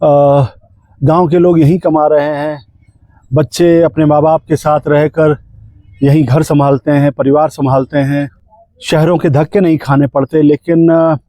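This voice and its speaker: A man voicing a calm, wise talking homestay house that speaks gently and earnestly. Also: fairly high pitch, measured pace, no room sound, lightly acted.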